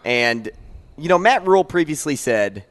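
A man's voice: fairly high pitch, big pitch swings, moderate pace, a bit bright, dry recording. A man co-hosting a sports talk show in an easygoing tone with dry, teasing humor. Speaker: sports radio co-host. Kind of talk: casual sports talk banter.

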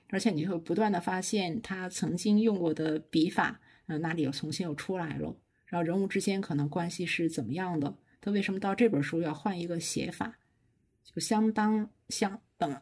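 A middle-aged woman professor, a podcast guest, explaining her habits in a measured, step-by-step way. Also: lowish voice, a little mellow, husky. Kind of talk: casual chat.

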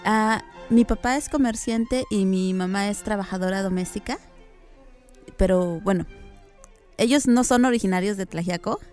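A young woman from Oaxaca, Mexico, answering interview questions in a soft-spoken, hesitant way. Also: medium pitch, moderate pace, soft background music. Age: young adult. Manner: soft-spoken, hesitant fillers, light laughs. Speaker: interview guest. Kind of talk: relaxed interview conversation.

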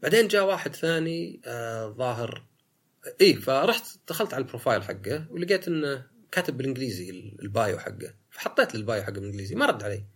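A man hosts a solo talk podcast in a gravelly, husky voice. He argues in a casual way and mimics other people's lines to make his case. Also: mid-range voice, sing-song, rapid-fire, a bit bright. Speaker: podcast host.

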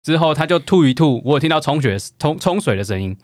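Lively fast-talking Taiwanese man. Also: dry recording, studio quality. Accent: Taiwanese Mandarin. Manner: animated, acts out quoted speech in a high voice. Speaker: podcast co-host. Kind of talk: casual chat, storytelling.

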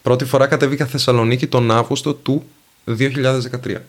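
Venetian Italian-accented man, linguist guest, mid-pitched, unhurried, pauses to pick his words. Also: steady tone. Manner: slow, thoughtful, pauses to find words. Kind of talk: casual conversation.

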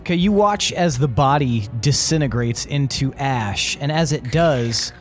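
A man narrating a tabletop role-playing game as game master, laying out scenes in deliberate, suspenseful short phrases. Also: medium pitch, lively intonation, faint music behind.

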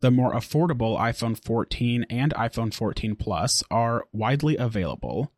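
A man hosting a daily tech news podcast, reading scripted stories and a sponsor spot in a steady, clear newsreader delivery. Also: mid-range voice, no echo, clean studio sound. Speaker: podcast host.

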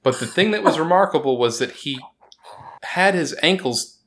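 A man hosting a casual sports chat, joking, sarcastic and quick to laugh as he runs through scores. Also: a little high, expressive, noisy background. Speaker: podcast host.

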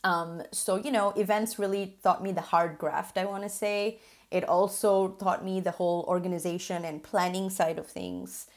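A woman's voice: fairly low pitch, fairly even intonation, normal speed. A woman from Singapore, a guest on a podcast interview, talking in a chatty way with fillers and frequent laughs.

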